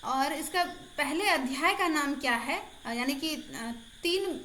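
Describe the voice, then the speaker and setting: High-voiced chatty woman tutor. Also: lively intonation, slow, pushed and bright, echoey room, slight background noise. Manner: chatty, encouraging, repeats answers aloud. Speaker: exam-prep tutor. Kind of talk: casual online lesson.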